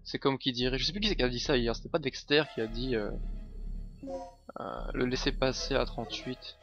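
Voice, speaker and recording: A man's voice: mid-range voice, a little fast. A man commenting live on his gameplay, chatty and muttering to himself as he plays, swearing often. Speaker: streamer playing a video game. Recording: slightly dull lo-fi stream audio with faint game music.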